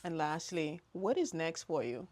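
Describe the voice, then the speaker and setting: A woman's voice: low voice, big pitch swings, unhurried, darkish tone, no room sound. A woman hosting an interview, asking short questions and giving brief encouraging replies. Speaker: interview host.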